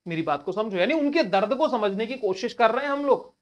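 A man's voice: high-pitched, animated, brisk, dull audio. A male teacher giving an exam-prep lecture in a conversational way, often asking rhetorical questions and addressing students casually. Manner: colloquial address to listeners.

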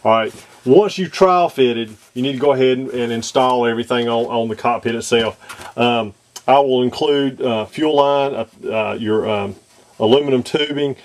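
A man's voice: medium pitch, normal speed. Guy at his workbench explaining a model build, lots of ums and restarts, camera mic. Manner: hesitant, many ums and restarts. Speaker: model kit maker demonstrating installation. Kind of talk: casual how-to demonstration.

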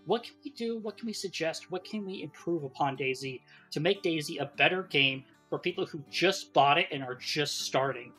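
A podcast host in a casual show chat, playful and animated, laughing often. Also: medium pitch, normal speed, few pauses, breathy edge, soft background music.

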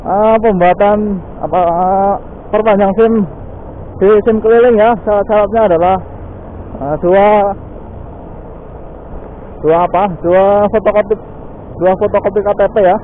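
A motovlog host rides a motorbike through city streets outdoors, chatting casually and dropping fillers like "ya" and "guys" into every sentence. His high voice sounds thin and phone-like, with faint traffic humming below. He speaks a little slowly, with fairly even intonation and frequent pauses.

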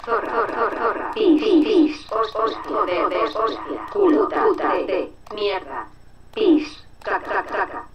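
An actress voicing a small kid who blurts out strings of swear words in a video game dub. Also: female voice, medium pitch, wildly swooping pitch, measured pace, long pauses. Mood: cursing. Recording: distant game audio with noise.

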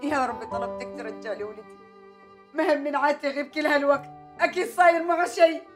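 A woman playing a distraught mother who wails and pleads for her missing son. Her voice is high and tearful. The scene comes from a TV comedy, with faint music underneath. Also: steady tone, quick pace, lightly acted. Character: frantic grieving mother of a missing boy.

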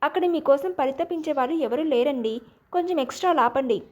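A proud, wounded young wife in an audio storybook, curt and sharp in her replies. A woman reads her with a high voice. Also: quick pace, lightly acted. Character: young adult woman, hurt, proud and quick-tempered wife.

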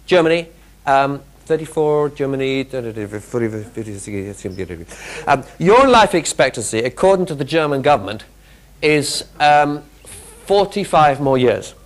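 A middle-aged British man with a mid-range voice delivers a lively, interactive keynote in a large hotel conference room, quizzing the audience with quick questions. He speaks through a clip-on lapel mic.

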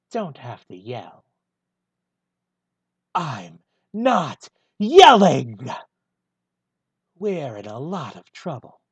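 A man voicing a gruff, brooding male hedgehog antihero in a one-take fan reading of a film script, deadpan and husky. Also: medium pitch, dry recording, exaggerated voice.

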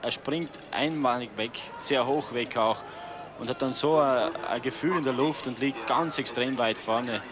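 An Austrian-accented man offers colloquial expert analysis during live ski flying commentary, in a mid-range voice at a slightly slow pace. It's a noisy outdoor sports broadcast.

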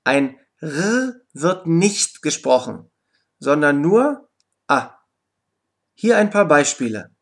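Slow, carefully enunciating German man. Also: a little high, big pitch swings, vocal fry. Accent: Standard German. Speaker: German pronunciation teacher. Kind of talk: scripted instructional narration.

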